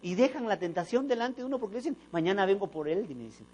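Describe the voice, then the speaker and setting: Animated pastor preaching. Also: male voice, high-pitched, quick pace, low-quality recording. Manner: animated storytelling, acting out dialogue. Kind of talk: sermon. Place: church sanctuary.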